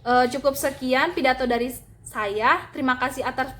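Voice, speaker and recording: A woman's voice: sits high, normal speed, a bit bright. A young woman from Indonesia, a university student, reading a class speech earnestly, with some filler sounds and restarts. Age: young adult. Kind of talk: class speech, read aloud.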